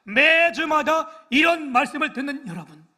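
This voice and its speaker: An older man preaching a sermon as pastor, telling stories with hushed asides and loud exclaiming peaks, teasing his congregation. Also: very high voice, expressive, moderate pace. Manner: self-deprecating, teases the congregation for no amens. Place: church sanctuary.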